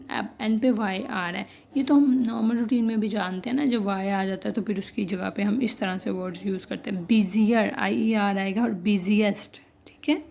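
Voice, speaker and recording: A woman's voice: medium pitch, creaky. A young adult woman teaching an English grammar lesson, switching between Hindi and English, checking in with students and spelling word endings letter by letter. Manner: addresses students as "बेटा", gently reassuring.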